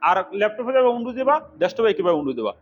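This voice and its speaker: A middle-aged man from Bangladesh, an instructor giving a fast classroom lecture, scolding and urging his students. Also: sits high, big pitch swings, highs cut off, a little hiss or hum. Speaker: computer course instructor.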